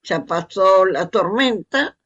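A husky, breathy voice reading a book aloud at an unhurried, deliberate pace. The host pauses over each phrase and drops in casual remarks between passages. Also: medium pitch, lively intonation, a bit bright, lo-fi sound. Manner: slow, measured reading with casual asides.

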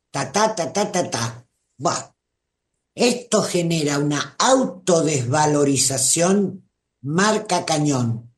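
A woman with a Rioplatense Spanish accent talks her live-stream audience through advice at an unhurried pace. She is emphatic and calls listeners darling and treasure. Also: sits low, darkish tone.

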